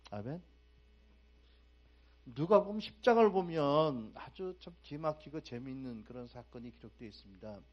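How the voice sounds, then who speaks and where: A man preaching a sermon to a congregation, asking them rhetorical questions and swinging between soft asides and loud, emphatic outbursts. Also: a little high, animated, moderate pace, highs cut off.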